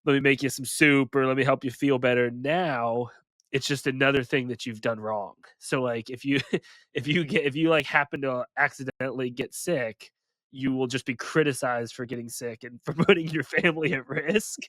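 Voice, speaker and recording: A man's voice: mid-range voice, steady tone, normal speed, a bit bright, no room sound. A man in his thirties with a stuffy head cold, co-hosting a sports podcast in casual, self-mocking chat with frequent laughs. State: sick with a head cold, nasal. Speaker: podcast co-host.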